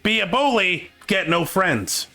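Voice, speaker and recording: A man from Canada chatting casually on a stream, opinionated and halting, restarting his sentences often, with faint game music behind. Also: high-pitched, big pitch swings, creaky, bright, forceful tone. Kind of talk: casual chat.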